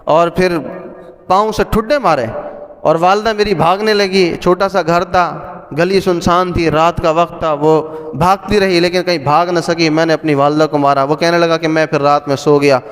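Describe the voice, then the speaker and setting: A man's voice: fairly high pitch, steady tone. A male Islamic preacher giving an emphatic storytelling sermon. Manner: emphatic, acts out quoted speech. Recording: long hall reverb.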